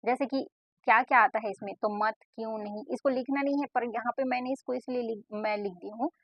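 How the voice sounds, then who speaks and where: A woman exam-prep teacher talks her students through a lesson in a relaxed, casual way. She keeps asking questions and answering them herself, with a frequent "ठीक है". Her voice sits a little high, and the recording is dry and slightly muffled. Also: brisk, no room sound. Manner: explains step by step, asks and answers her own questions, repeats "ठीक है". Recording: dry, dull lo-fi voice-over.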